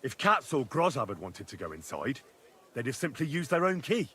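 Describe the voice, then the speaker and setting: A man's voice: medium pitch, big pitch swings, normal speed, fairly bright tone, a little hiss or hum. An actor playing a young man laying out evidence at a trial in a video game, earnest and matter-of-fact. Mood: accusing. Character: young man accuser, investigator presenting evidence.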